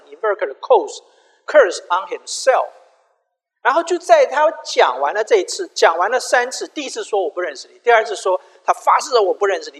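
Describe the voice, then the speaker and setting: A pastor preaches in an animated voice, rising and falling a lot as he retells the story. He mixes English phrases into his sermon, and his words carry a long hall reverb. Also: sits high. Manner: retells scripture with quoted dialogue, mixing in English phrases.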